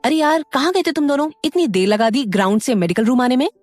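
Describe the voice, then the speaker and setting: Woman doing a young female student, jealous, curt, questioning, audio story, raised pitch. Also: lively intonation, fast talker, a little mellow, no echo, soft background music. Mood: impatient.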